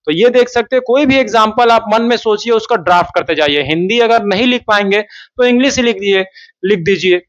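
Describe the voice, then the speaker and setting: A man teaching a spoken English lesson in Hindi, drawing out his English example sentences slowly. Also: high-pitched. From India. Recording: dull lo-fi sound.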